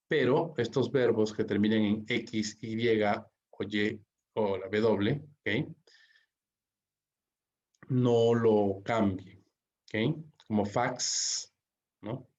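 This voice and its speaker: A man's voice: fairly low pitch, a little mellow. Man teaching grammar, constant "ok?". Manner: repeats "¿ok?" constantly, explains each English line in Spanish. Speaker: English teacher. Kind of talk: bilingual grammar lesson. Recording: dull lo-fi audio.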